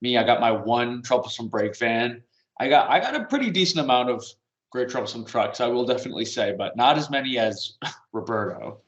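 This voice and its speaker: A man's voice: medium pitch, expressive, a little fast, lo-fi sound. A man casually chatting on a podcast from home, rambling and meandering with little chuckles. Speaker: podcast co-host. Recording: roomy echo.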